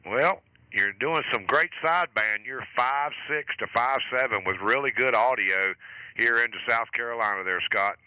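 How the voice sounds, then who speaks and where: Bright, crisp-voiced man hosting a radio net. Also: mid-range voice, normal speed, low-quality recording. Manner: informal, chummy, with radio sign-offs. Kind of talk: casual amateur radio net chat.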